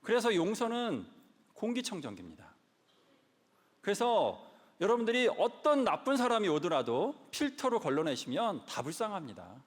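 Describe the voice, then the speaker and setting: Man in a big hall, animated storyteller-preacher, pitch swings widely, reverb trails his words. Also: moderate pace. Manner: animated storyteller, repeats lines for emphasis. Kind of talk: lively sermon-style talk.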